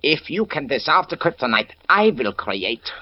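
An actor playing a coldly grandiose, fanatical Nazi villain with a German accent in a 1940s radio serial. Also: male voice, mid-range voice, big pitch swings. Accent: German, put on for the role. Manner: menacing, deliberate, theatrical. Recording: dull old radio broadcast recording.

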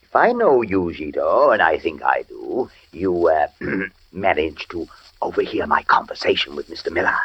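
An actor playing a fat, sly, greedy master villain in a 1940s radio drama, husky and chuckling. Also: male voice, low-pitched, big pitch swings, moderate pace, exaggerated voice. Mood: sly, amused. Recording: dull lo-fi 1940s radio recording.

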